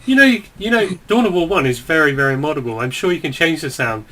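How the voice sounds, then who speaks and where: A man's voice: fairly high pitch, lively intonation, fast, bright, forceful tone. A young man from England co-hosting a gaming video, talking in dry, teasing banter. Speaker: let's play co-host. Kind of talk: casual gaming chat.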